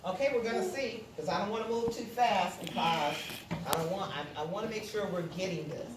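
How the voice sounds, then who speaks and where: A woman with a mid-range voice talks fairly quickly as she explains a classroom lesson step by step, repeats things, and checks the students are keeping up. The setting is an indoor classroom, captured by a far-off mic in a roomy, noisy space.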